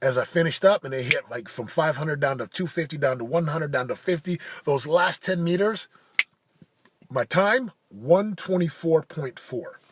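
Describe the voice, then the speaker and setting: A man in his forties giving a punchy, emphatic motivational monologue that builds to shouted declarations. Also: fairly high pitch, lively intonation, normal speed, a little hiss or hum. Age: 40s. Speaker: motivational speaker.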